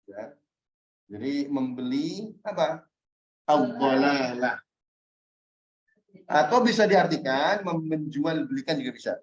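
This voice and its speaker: Man teaching Arabic in a roomy, muffled recording. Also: a little high. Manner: explains step by step, checks with students, chuckles. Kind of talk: online class lesson.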